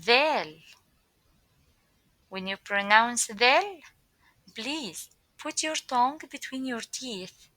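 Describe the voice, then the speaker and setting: A woman teaching a beginners' alphabet lesson, modelling each sound slowly and with exaggeration for repetition, with non-native English phrasing. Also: on the high side, expressive, pushed and bright, no room sound, poor audio. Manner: slow, exaggerated modelling of sounds for learners to repeat. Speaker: teacher, channel host. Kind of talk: alphabet lesson for beginners, listen-and-repeat drilling.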